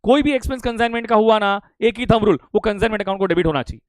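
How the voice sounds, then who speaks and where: Indian man, middle-aged accounting tutor, high voice, repeats and pushes for fast answers, dry close sound. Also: clean tone, dry recording. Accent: Indian English. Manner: drilling repetition, urging quick answers. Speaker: accounting teacher. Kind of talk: live online lecture.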